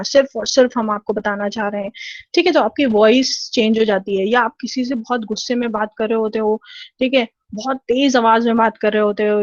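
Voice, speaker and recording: Higher-voiced woman lecturing over slides. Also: no room sound. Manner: explanatory, frequent 'theek hai' check-ins. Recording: dull, lo-fi and dry.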